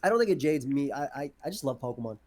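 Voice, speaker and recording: A man talking as a podcast guest in casual chat, excitable and quick to repeat his words as he starts sentences. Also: mid-range voice.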